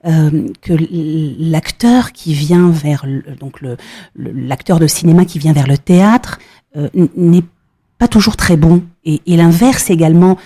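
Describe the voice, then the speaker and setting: A woman hosting a radio interview, asking her questions in a hesitant, halting way. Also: sits low, dark tone. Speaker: radio host.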